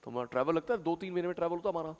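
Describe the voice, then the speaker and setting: A male teacher giving a classroom lecture, drilling terms through loud, chanted call-and-response repetition. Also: on the high side, racing. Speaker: commerce teacher. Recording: long hall reverb.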